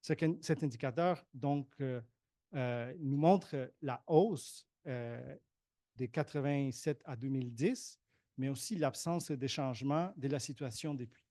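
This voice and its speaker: A man reading a prepared conference talk on statistics in a measured way, with occasional hesitations. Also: medium pitch, warm tone, no echo, studio quality. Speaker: conference presenter, statistics analyst.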